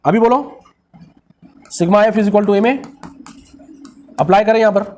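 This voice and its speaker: The same high-pitched man teaches a physics class in Hindi shaped by a Marathi accent, this time slowly and with fairly even intonation and a slightly mellow quality. He uses English technical terms, keeps asking students questions, then answers them himself. Slight background noise is present.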